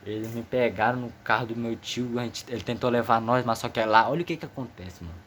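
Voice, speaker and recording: A man's voice: mid-range voice, fast talker, a bit bright, slight background noise. Teenage boy, slightly nervous, slangy, rambling, casual storytelling. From Amazonas, northern Brazil. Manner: slangy, rambling, many restarts. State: a bit nervous. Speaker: vlogger.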